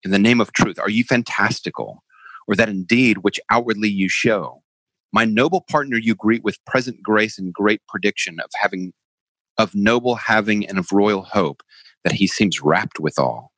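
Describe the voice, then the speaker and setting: A wary nobleman and soldier, read by a man podcaster, voiced low and measured. He reads declamatory Shakespeare verse in a dry, close recording with no room sound. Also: fairly bright tone, dry recording, poor audio. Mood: questioning. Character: Banquo, a nobleman and soldier questioning the witches. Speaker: podcast co-host. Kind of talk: informal dramatic reading of Shakespeare.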